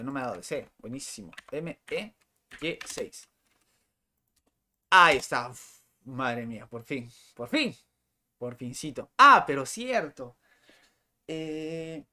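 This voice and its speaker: A man's voice: fairly high pitch, bright, forceful tone. A young man, chatting and exclaiming over live game footage, often repeating himself. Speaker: game streamer. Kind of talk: live gameplay commentary.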